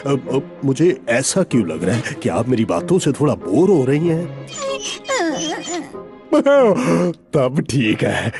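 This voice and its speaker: A huge, good-hearted cartoon father who brags about his strength. His voice swings freely up and down and sits a little above the usual male range. The manner is showy and hearty throughout. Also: a little high. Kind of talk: animated cartoon dubbing.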